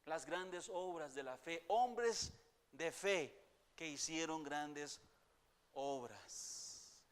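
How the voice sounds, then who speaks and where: Preacher, male, high-pitched, slow deliberate delivery, dramatic loud-to-hushed swings, echoing church hall. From Costa Rica. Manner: repeats phrases for emphasis, addresses the congregation as brothers. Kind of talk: sermon.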